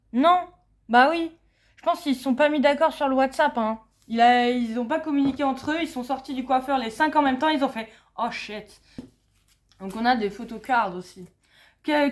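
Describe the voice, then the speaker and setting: A young woman chatting casually and using slang while she unboxes an album, reading English text slowly, recorded on a phone at home. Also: fairly high pitch. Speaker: unboxing vlogger.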